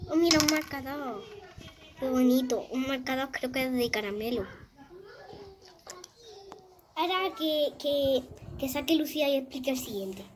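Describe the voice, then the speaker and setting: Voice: high voice, normal speed, slight background noise. A children's channel host chatting casually and thinking aloud while unboxing. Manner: exclaims and thinks aloud while handling items.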